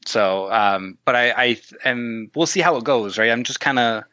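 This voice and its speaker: This Canadian podcast guest, who makes 3D-printed retro decor, speaks at normal speed in a mid-range voice that sounds pushed and bright. He's jokey and chatty, frequently restarting sentences. The recording has no echo.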